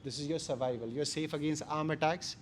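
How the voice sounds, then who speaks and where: A man's voice: fairly high pitch, fairly even intonation, brisk, a little hiss or hum. A man with an Indian accent teaching a martial arts class, speaking emphatically in short, repeated phrases. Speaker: jiu-jitsu instructor.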